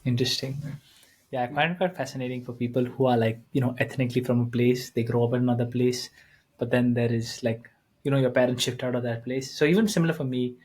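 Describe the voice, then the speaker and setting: A man from India in his thirties hosting a podcast, talking in a relaxed, rambling way with lots of fillers. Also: medium pitch, quick pace. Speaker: podcast host. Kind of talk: casual conversational interview.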